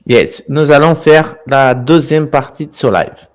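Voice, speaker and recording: A man from Brazil with a Brazilian Portuguese accent, hosting a live stream in a gentle, unhurried, affectionate way and often repeating his words. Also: a little high. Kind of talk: casual live stream talk.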